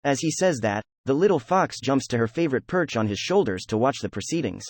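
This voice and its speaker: A man narrating a fan fiction audiobook in an even storytelling delivery. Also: medium pitch, brisk, no echo, studio quality. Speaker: audiobook reader.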